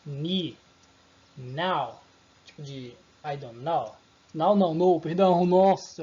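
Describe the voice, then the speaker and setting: Casual Brazilian-Portuguese-speaking male teacher, mellow. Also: on the high side, highs cut off. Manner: informal, self-correcting, apologizes for slips. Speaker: English teacher. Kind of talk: recorded online lesson.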